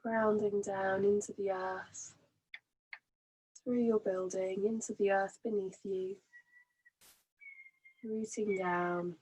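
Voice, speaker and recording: In a roughly recorded meditation, a woman's breathy, soft voice at a medium pitch moves at a very slow, unhurried pace with fairly even intonation. Each instruction comes gently and soothingly, in a relaxation teacher's manner.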